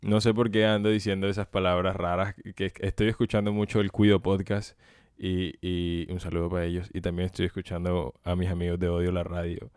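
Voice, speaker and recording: A very low-pitched man, talking casually alone on his podcast. He rambles, swears and jokes, close to the mic in a dry, dead-sounding room. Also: a little mellow, clean tone, no echo. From Colombia. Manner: rambling, profane and joking, often laughing. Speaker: podcast host. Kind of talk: casual solo podcast monologue. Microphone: close microphone.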